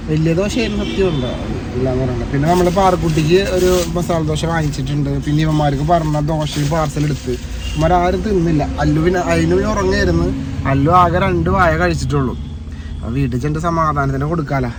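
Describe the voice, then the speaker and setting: A man's voice: a little high, fast talker. A man chatting casually to vlog viewers, mixing some English words into his Malayalam. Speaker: family vlogger. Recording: clear urban and vehicle background noise.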